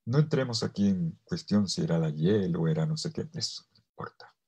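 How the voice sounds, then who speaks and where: Husky-voiced priest lecturing with soft and loud swings. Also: male voice, sits low, expressive. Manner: swings between loud emphasis and soft, almost whispered phrases; stretches key words slowly for weight. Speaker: priest teaching a theology course. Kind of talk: theology lecture to a virtual audience.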